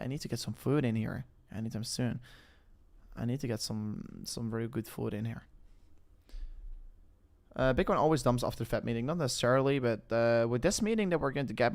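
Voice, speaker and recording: A young man with a Dutch accent, from the Netherlands, hosts a live crypto stream in an easygoing, unscripted way. His pitch is an ordinary middle range, and he rambles, trails off, restarts phrases and hesitates with fillers like "uh" and "I mean."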